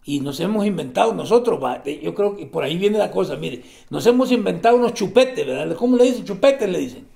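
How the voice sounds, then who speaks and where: A man preaching a sermon, swinging between loud exclamations and hushed emphasis. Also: high-pitched, animated, fairly quick, vocal fry, hardly any pauses.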